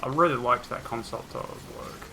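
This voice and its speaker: A man's voice: mid-range voice, normal speed, bright, forceful tone, slight background noise. A young man chatting casually beside a friend's gameplay, laid-back and swearing now and then. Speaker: co-commentator.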